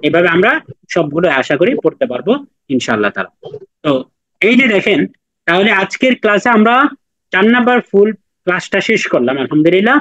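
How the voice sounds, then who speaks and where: A man's voice: high voice, very animated, a little fast, pauses often, fairly bright tone, no room sound, muffled recording. A man teaching Quran recitation in an online class, patiently repeating and drilling letter sounds with his students.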